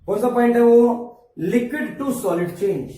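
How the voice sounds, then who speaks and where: High-voiced teacher in an echoey room. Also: male voice, lively intonation, mellow, distant mic. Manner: slow, repeats key terms, asks and answers his own questions. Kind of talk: classroom lesson.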